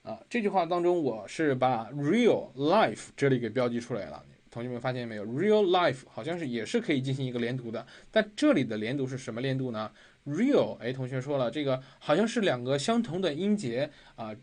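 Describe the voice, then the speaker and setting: Patient Chinese tutor repeating phrases. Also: male voice, medium pitch, big pitch swings, brisk, darkish tone. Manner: explains patiently, repeats phrases, many fillers. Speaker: English pronunciation tutor. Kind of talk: recorded online lesson.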